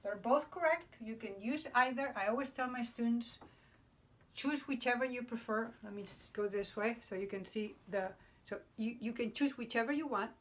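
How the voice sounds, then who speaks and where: A woman's voice: fairly high pitch, normal speed. A woman teaching a grammar lesson at a board, explaining patiently and checking in with "okay?" after each point. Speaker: Spanish teacher. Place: indoors beside a whiteboard.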